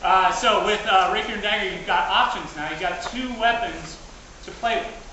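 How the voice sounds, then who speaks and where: High-voiced man demonstrating in a very echoey space. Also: normal speed, pushed and bright. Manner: instructional, talking to audience and partner; physically active while talking. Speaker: fight director and demonstrator. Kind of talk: live stage combat demonstration. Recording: echoey, noisy space, distant mic.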